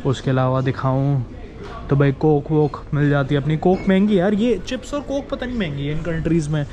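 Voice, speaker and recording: Young male travel vlogger from India, chatty and casual, a touch higher-pitched, self-filmed on a handheld camera. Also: brisk, warm tone, slight background noise. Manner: chatty, explains prices to viewers, mixes in English. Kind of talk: casual travel vlog chat. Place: outdoors in a city, then inside a supermarket. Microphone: action camera held at arm's length.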